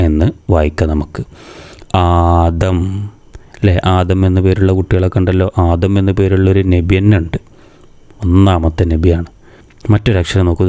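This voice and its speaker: Man, deep voice, warm dark tone, patient teacher, repeats each sound slowly. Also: clear, resonant tone. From Kerala, India. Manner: patient, asks questions and answers them himself. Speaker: madrasa teacher. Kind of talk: step-by-step reading lesson.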